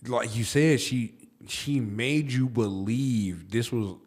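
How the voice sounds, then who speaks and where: A man hosting a podcast, asking easygoing, halting questions in a casual chat. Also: medium pitch, a little mellow. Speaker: podcast host.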